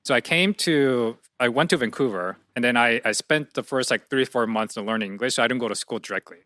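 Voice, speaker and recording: Man, young adult, bright tense voice, dry close sound, thoughtful and halting. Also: mid-range voice, dry recording. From South Korea. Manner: thoughtful, many fillers and restarts. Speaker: guest, entrepreneur. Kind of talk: casual interview.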